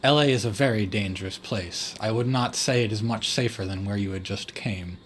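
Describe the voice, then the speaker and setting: A man's voice: fairly low pitch, slight background noise, close to an everyday voice. A man voicing a composed male vampire who gives cool, formal warnings in a tabletop game. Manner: measured, formal phrasing.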